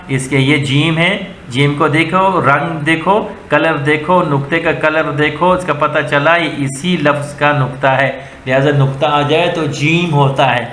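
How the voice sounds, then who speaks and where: A man with a Pakistani accent gives a slow letter-by-letter reading lesson, patiently naming and repeating each sound. His voice is bright and fairly high. The room rings with echo, and a faint hum sits underneath. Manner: patient, repetitive, drills letters one at a time. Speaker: Quran reading teacher. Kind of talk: slow word-by-word teaching. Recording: echoey room with faint ambient noise.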